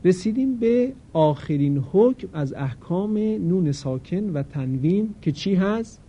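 A fairly high-voiced man teaching Quran recitation. He explains each rule plainly and then stretches his examples into slow, drawn-out chanted recitation. The recording is dull and lo-fi. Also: expressive, dark tone. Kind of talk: recorded tajweed lesson.

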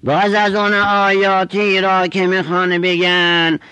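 Measured seminary teacher, dry close sound. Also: male voice, sits high, completely flat delivery, sharp tone, clear, resonant tone, no echo. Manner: reads Arabic phrases then explains in Persian, measured cadence. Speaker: teacher of Arabic grammar. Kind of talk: traditional seminary lesson, reading and explaining.

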